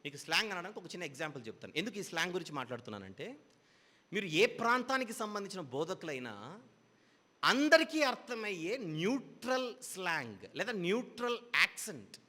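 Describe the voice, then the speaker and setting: A man's voice: sits high, very animated, fairly quick, pushed and bright, big-room sound. A man preaching a Bible teaching sermon, explaining patiently with repeated parallel phrases.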